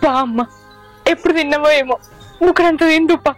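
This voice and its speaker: A young actress with a Telangana accent playing a distraught, devoted daughter, speaking tearfully and pleading. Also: female voice, sits high, brisk, faint music behind, natural voice. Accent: Telangana Telugu. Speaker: actor. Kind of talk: village short-film acting.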